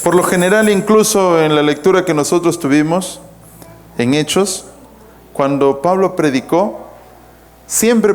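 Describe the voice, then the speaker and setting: Emphatic male pastor, slow delivery. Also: fairly high pitch. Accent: Peruvian Spanish. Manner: emphatic, swings voice up and down, calls out to congregation. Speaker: pastor teaching preaching. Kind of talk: sermon teaching.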